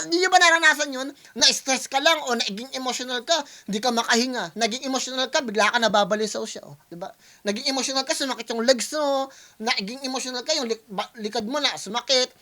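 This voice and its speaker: Bright-voiced man explaining at length. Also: extremely high pitch. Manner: long-winded, explains step by step, often asks "di ba?"; Taglish, switches between Tagalog and English. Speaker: music producer reacting to a rap battle. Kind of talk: casual explanatory talk to viewers.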